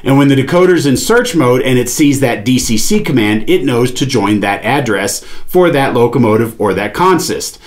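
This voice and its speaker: A man in his forties sits at a table in a small studio with a padded panel wall, demonstrating a product and explaining each step. His medium-pitched voice is expressive, his pace normal, and he barely pauses.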